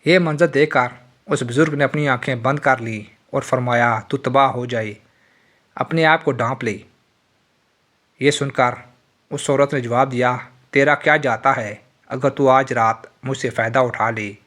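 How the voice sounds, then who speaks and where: A man's voice: mid-range voice, steady tone, fairly bright tone. Solemn male storyteller. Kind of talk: scripted narration of a religious tale.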